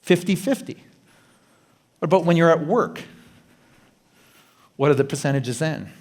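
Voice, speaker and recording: A middle-aged male pastor from Canada preaching a sermon, animated, acting out worried self-talk and dropping quiet for questions to the listener. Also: unhurried. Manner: animated, acts out anxious self-talk with rising pitch. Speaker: guest pastor.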